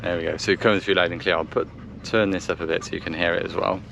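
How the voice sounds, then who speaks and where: Standing by a vehicle out in the countryside, a man with a deep, creaky voice speaks quickly in a level tone. He casually comments to camera and chats over a radio for checks, hesitating and thinking aloud, while noise from the vehicle fills the background.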